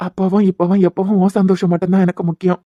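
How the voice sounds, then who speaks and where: A woman's voice: medium pitch, level tone, fast talker, no echo, dull audio, close to an everyday voice. A woman with a Kanyakumari Tamil accent voicing an earnest, apologetic young man in a cartoon serial. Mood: pleading. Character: earnest young man pleading with his love.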